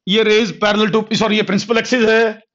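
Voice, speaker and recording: High-voiced man teaching physics, slow and repetitive. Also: little pitch movement, a bit bright. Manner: repeats key terms many times, calls students "beta" and "bhai"; dictates notes slowly word by word. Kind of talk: classroom lecture at a board. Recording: dull lo-fi classroom recording.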